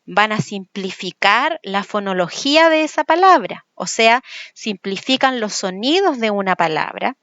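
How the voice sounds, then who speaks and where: A woman teacher gives a recorded lecture, explaining patiently and slowly repeating example words. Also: a little high, a bit bright, no echo, lo-fi sound. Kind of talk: recorded lecture on speech sounds.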